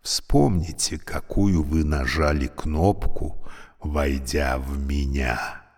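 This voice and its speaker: A man voicing an old, creaky, talking elevator, speaking slowly and courteously with a weary, sorrowful politeness. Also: extremely low pitch, fairly even intonation, darkish tone, in a large hall, heavily acted. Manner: slow, courteous, mournful.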